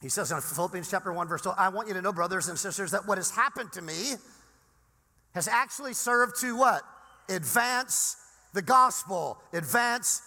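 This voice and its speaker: A man preaching a sermon as pastor, animated, swinging between loud emphasis and near-whispers. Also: high-pitched, normal speed, long reverb tail.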